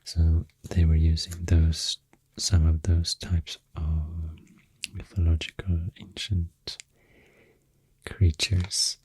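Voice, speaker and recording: Speaking close to the microphone, this Swedish-accented ASMR host rambles in a slow, hushed, soothing way. His voice is deep, soft, and breathy, frequently almost a whisper. The audio is poor, with a little hiss or hum.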